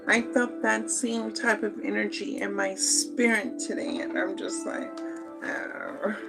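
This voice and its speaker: A woman giving a slow, meandering spoken tarot reading, with many fillers and pauses. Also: medium pitch, steady tone, gravelly, loud music behind the voice, rough recording. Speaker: tarot reader.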